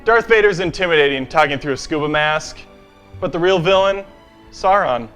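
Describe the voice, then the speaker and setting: A man with a fairly high voice argues his side with brash sarcasm, tossing in swear words. The delivery is a scripted comedy debate, with faint music under it. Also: animated, moderate pace, fairly bright tone.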